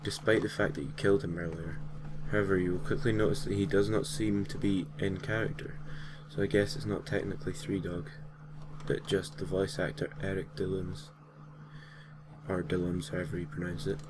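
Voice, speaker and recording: Deep-voiced and showing little pitch movement, this man narrates at normal speed with background noise present. He is the host and narrator of a gaming creepypasta series, informally reading a gaming story from a script and tossing in casual, slightly hesitant asides.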